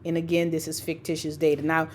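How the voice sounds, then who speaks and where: Speaking quickly and flatly in a slightly low pitch, this woman narrates a spreadsheet screencast for educators as a screen-recording voice-over. She's an informal instructor who dictates step by step, piece by piece, and keeps checking in with "okay" and "right."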